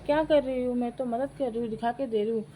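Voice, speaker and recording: A woman's voice: on the high side, steady tone, fast, warm tone, a little hiss or hum, voice pushed up, natural voice. A woman voicing a feisty, scolding old grandmother who complains indignantly. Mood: defiant.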